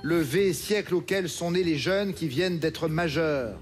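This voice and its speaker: A man hosting a TV quiz show in a studio, reading questions briskly and crisply. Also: fairly high pitch, faint music behind.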